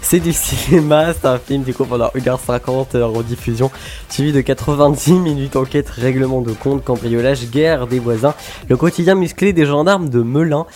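A man's voice: medium pitch, normal speed, darkish tone, faint music behind. A young man with a mid-range voice hosts an amateur radio show and runs through the TV listings. He hesitates often and fills the gaps with jokes. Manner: hesitant, full of fillers, jokey. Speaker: radio host. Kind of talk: casual radio chat reading TV listings.

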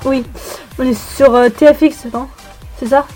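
A young woman with a high voice reads the evening TV listings as a radio co-host. She talks casually, with teasing asides and hesitant fillers. She sits away from the microphone. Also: fairly even intonation, measured pace, mellow, soft background music.

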